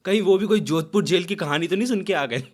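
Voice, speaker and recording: Sarcastic young man with a lively, high voice. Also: fast, very noisy. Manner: sarcastic, mock-outraged, theatrical. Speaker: host. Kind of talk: comic reaction commentary.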